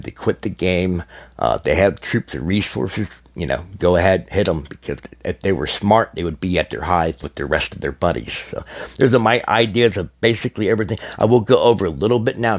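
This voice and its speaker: Gaming YouTuber, middle-aged man, very low voice, slightly hoarse, loose and rambling. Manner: rambling, many restarts and fillers. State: slightly hoarse, losing his voice. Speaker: gaming content creator. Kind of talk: casual explanatory gaming video.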